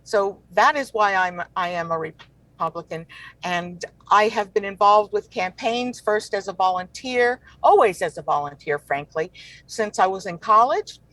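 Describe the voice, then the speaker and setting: A woman's voice: mid-range voice, animated, a little slow, fairly bright tone, no room sound, low-quality recording. Earnest Cuban-born woman candidate. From Cuba. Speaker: political candidate guest. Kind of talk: interview answers.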